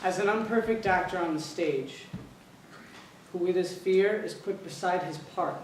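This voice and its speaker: A man reciting a sonnet deliberately, as a contestant. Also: sits high. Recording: echoey hall, distant mic, faint noise.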